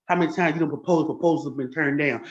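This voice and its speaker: A woman's voice: deep voice, fast talker, lo-fi sound. A woman in her forties talking straight to camera in a confrontational rant, taunting and repeating herself. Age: 40s. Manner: taunting, repetitive, boastful. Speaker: church livestream host.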